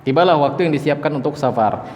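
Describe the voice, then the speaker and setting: A man's voice: fairly high pitch, quick pace, darkish tone. A man preaching an Islamic study lecture, retelling a story by reading Arabic lines and then explaining them. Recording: lecture hall with long reverb.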